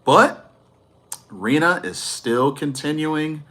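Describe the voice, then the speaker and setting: A man's voice: on the high side, animated, slow pace, fairly bright tone. A man giving a casual, enthusiastic wrestling review, rambling a little and correcting himself as he goes.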